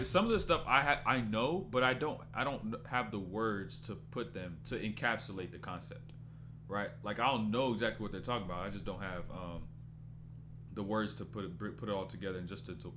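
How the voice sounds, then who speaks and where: Casually commenting on basketball during a live stream, this twenty-something man drifts along and stops to respond to chat. His voice sits low against a noisy background.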